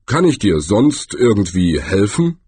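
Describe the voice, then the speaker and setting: A troll hiding as a stone in a storybook, calm, chatty and matter-of-fact, set somewhat lower than the reader's own voice, as a male narrator puts him on. The tone stays husky and close. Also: unhurried, dry recording, full character voice. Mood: deadpan.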